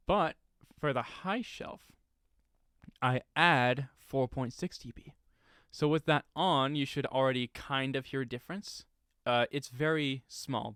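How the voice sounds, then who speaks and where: A man's voice: medium pitch, a bit bright, smooth, no echo, clean studio sound. A man giving a casual step-by-step tutorial on voice effects, explaining settings plainly with fillers and restarts.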